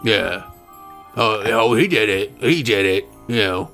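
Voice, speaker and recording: A man's voice: on the low side, animated, measured pace, sharp tone, faint music behind, exaggerated voice. A man voicing a blunt male orc guard who rambles offhandedly. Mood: rambling.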